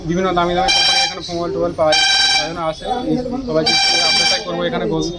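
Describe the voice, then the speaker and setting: A man's voice: on the high side, very fast. A man giving an informal, unpolished customer testimonial, repeating himself as he talks. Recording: very noisy street, horns and vehicles.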